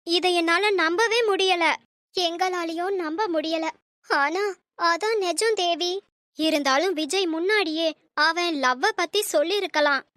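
A woman's voice: very high-pitched, fairly bright tone, no room sound, heavily acted. A woman voicing a nosy, argumentative middle-aged sister-in-law in a cartoon. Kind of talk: cartoon voice acting.

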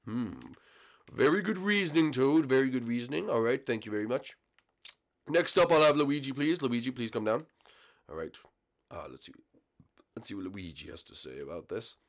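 A man's voice: mid-range voice, lively intonation, normal speed, pauses often, natural voice. A man voicing a blustery reptile king who hosts a homemade puppet comedy, talking to the camera in a mock-dramatic way. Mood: hosting. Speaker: host.

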